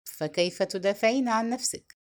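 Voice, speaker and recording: A woman's voice: medium pitch, a little fast, a little mellow, close to an everyday voice. A woman reading the part of a proud young king, lovesick and stung, who answers with stern, scornful retorts. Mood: guarded.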